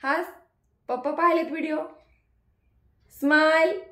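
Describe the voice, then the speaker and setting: Mom vlogging at home, high voice, keeps gently nudging w/ short questions, roomy echo. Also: female voice, unhurried. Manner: gently coaxing, repeatedly prompting with short questions. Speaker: mother and vlogger. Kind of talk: casual home vlog. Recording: echoey room.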